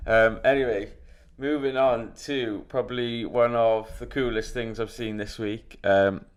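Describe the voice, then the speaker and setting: A man's voice: medium pitch, fairly even intonation, measured pace, clear, resonant tone. A young man co-hosting a podcast, rambling in casual chat with swearing and laughs. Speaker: podcast co-host.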